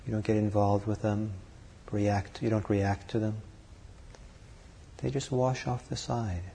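Slow, soft-spoken male meditation guide. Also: on the low side, gravelly, a little hiss or hum. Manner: calm, unhurried, speaks in short phrases with long pauses. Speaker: meditation teacher.

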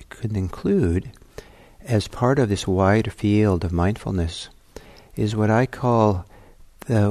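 A man giving a gentle, unhurried meditation talk before guiding a sit, with many soft pauses and fillers. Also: deep voice, dry recording. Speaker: meditation teacher. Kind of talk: dharma talk leading into guided meditation. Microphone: computer livestream setup.

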